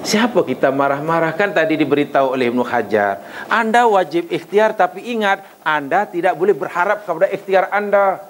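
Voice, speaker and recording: A middle-aged man with a Malaysian Malay accent gives a religious lecture in a fairly high voice. He preaches with energy and keeps asking his listeners questions. A faint hiss sits under the recording. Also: fairly quick, rough recording. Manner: lively preaching with rhetorical questions and acted prayers.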